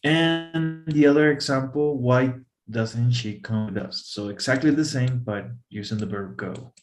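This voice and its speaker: A man's voice: mid-range voice, unhurried, soft background music. A man tutoring English one-on-one over a video call, explaining grammar patiently and repeating examples.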